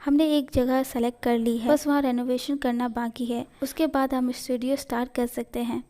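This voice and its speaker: A polite, quietly hurt young man, as a woman reads him in a fan fiction story. The voice is high and mellow and read plainly. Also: flat delivery, normal speed, natural voice. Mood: subdued.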